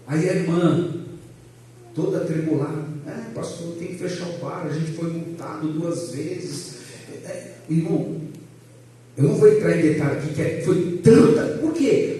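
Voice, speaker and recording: A man, a pastor teaching a Bible class in a loud, animated way, joking with the class and putting questions to them. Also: sits high. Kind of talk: lively church class lecture. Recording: echoey room, voice from a distance.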